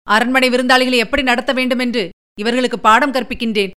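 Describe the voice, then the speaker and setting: A woman reading the part of a bold young male warrior envoy, fast and indignant in an audiobook story. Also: on the high side, fairly even intonation, pushed and bright, smooth. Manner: quick, indignant, demanding.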